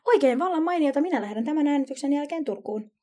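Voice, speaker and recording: A woman's voice: high-pitched, expressive, mellow. A young woman co-hosting a casual podcast chat, blunt and playful, laughing often. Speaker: podcast co-host.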